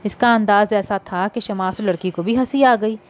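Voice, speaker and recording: A woman narrating a novel as an audiobook, lifting her voice for the characters' dialogue. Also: moderate pace. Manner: shifts into higher, livelier voices for characters' dialogue. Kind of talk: reading a novel aloud, voicing characters.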